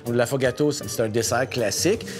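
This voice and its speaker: A man's voice: mid-range voice, brisk. Man, 30s, coffee roaster, casual chatty interview, music behind. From Italian descent. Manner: relaxed, chatty.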